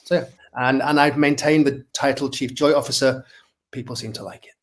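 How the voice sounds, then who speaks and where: Talking fairly quickly in a mid-range, fairly even voice, a friendly guest from Manchester, England, chats casually about his career, poking fun at himself. He's in his forties with a Mancunian accent, speaking over a webcam video call from indoors at home.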